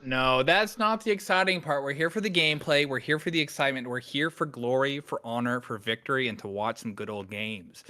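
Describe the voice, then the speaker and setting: A man calling a video game match as co-caster, joking between quick play-by-play calls. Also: medium pitch, pushed and bright. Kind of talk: play-by-play esports commentary.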